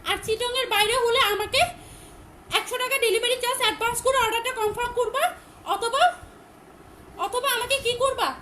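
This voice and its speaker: A young woman from Chittagong, selling clothes on a live stream in a loud, big voice, repeating each price emphatically. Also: extremely high pitch, fairly even intonation, fairly quick, long pauses, noisy background. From Chittagong, Bangladesh. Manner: repetitive, emphatic, rattles off prices. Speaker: online clothing seller. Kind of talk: live-stream sales pitch.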